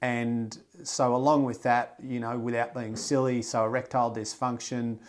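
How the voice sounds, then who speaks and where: Here a podcast host speaks at normal speed with a medium-pitched voice. The talk is casual, and he's emphatic and blunt, cursing freely, animated, and prone to restarting sentences and using fillers.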